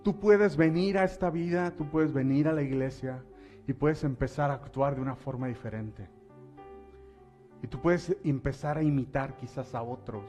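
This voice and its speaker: A man preaching a sermon as pastor, asking his listeners direct questions and building up to loud, emphatic passages. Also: moderate pace, soft background music. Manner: rises to loud, high-pitched preaching at climaxes.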